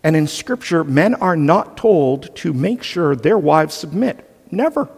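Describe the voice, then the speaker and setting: A man's voice: a little high, animated, measured pace, vocal fry, a little mellow, breathy edge, long reverb tail. A male pastor delivering an earnest, emphatic sermon, often restarting his phrases.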